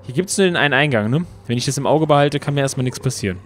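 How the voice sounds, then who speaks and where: Excitable man doing gameplay commentary. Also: medium pitch, rapid-fire, slight background noise. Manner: playful, excitable, talks to the game. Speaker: Let's Play commentator.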